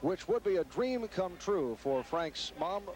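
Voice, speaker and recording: A man's voice: high voice, lively intonation, unhurried. A man giving live sports broadcast commentary on boxing from ringside. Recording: noisy broadcast over loud arena crowd.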